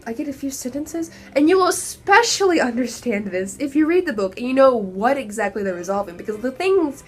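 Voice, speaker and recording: A young woman with a Texan twang talks through a hoarse, fraying voice that sits a little high. She rants animatedly and with exasperation in a casual video review. Soft music plays faintly behind her. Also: a little fast. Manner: animated, exasperated, laughing asides. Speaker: book reviewer.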